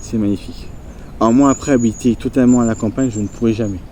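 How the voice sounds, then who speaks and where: A vlogger with a stuffy nose from a cold walks through the countryside filming himself on a handheld phone, chatting in a relaxed way full of rambling asides. His medium-pitched voice moves at a quick pace, with a little hiss or hum in the audio.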